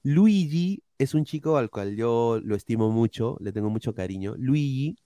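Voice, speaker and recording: A man's voice: medium pitch, expressive, normal speed, mellow, no room sound. A man hosting a casual podcast, rambling with lots of fillers and tag questions. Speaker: podcast host.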